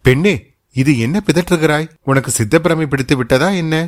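A man's voice: mid-range voice, moderate pace, close to an everyday voice. A man voicing a proud, stern royal princess who scolds and commands. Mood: shocked.

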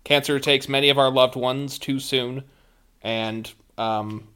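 A man's voice: mid-range voice, steady tone, takes it slowly, pushed and bright, clean tone. A man hosting a tabletop game podcast as game master, talking casually and a little hesitantly.

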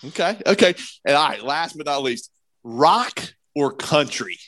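A man hosting a casual talk show, upbeat and playful as he asks quick questions. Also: fairly high pitch, animated, a bit bright, no echo. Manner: upbeat, playful quiz asker. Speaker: host.

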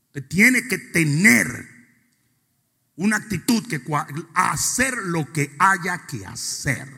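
A male pastor preaching a sermon. He swings from quiet asides to shouted, sing-song preaching. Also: high voice, very animated, slow, gravelly, husky. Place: church sanctuary. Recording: long reverb of a church hall.

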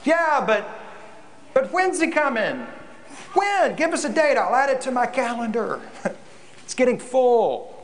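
A man putting on a snarky heckler, high and mocking. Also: sing-song, drawn-out words, pauses often, full character voice. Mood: sarcastic. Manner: sarcastic, mocking. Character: snarky, impatient heckler yelling from the back. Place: church.

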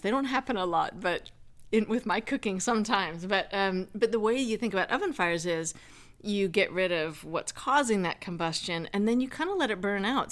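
A woman in her thirties telling a personal anecdote casually, chatty and wry with asides. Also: mid-range voice. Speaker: storyteller.

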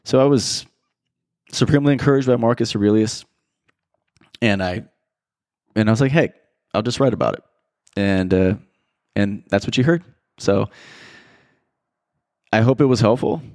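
A man's voice: lowish voice, normal speed, pauses often, darkish tone, no room sound, clean studio sound. A man hosting a podcast, talking in a casual, reflective monologue that rambles thoughtfully, with frequent restarts and fillers. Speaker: podcast host.

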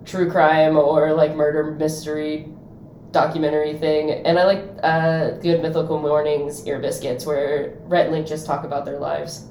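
A young woman from Ohio co-hosting a casual podcast, with dry, deadpan humor. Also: low-pitched, moderate pace. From Ohio, USA. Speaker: podcast co-host. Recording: roomy, faint background noise.

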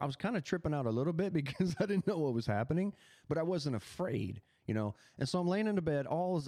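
Male podcast host, mid pitch, dry close sound, animated testimony full of restarts. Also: no room sound. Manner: animated storytelling with many restarts.

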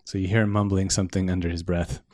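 A man's voice: low voice, level tone, fast, darkish tone. A middle-aged man running a family tabletop game as game master, patiently guiding and explaining the rules to his kids.

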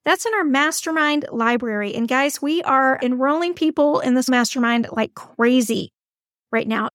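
A woman's voice: on the high side, no room sound, studio quality. A woman podcast host who works as a school counselor, giving upbeat, encouraging advice in a chatty coaching tone. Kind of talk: casual coaching monologue.

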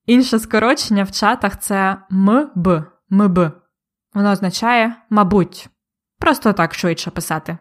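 A woman teaching a language lesson, speaking deliberately and clearly and repeating each example word. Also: medium pitch.

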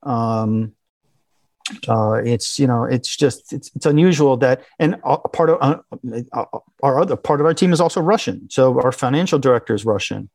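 Halting man with a dry sound. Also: mid-range voice, animated, darkish tone, no echo. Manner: halting, many restarts and fillers. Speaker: interview guest, business owner. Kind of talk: conversational interview.

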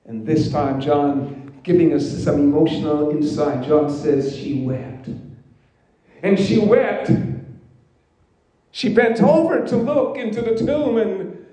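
A man preaching in a slow, measured sermon, leaning on dramatic pauses. His voice is fairly high for a man yet warm and mellow, and it rings out through a very echoey hall.

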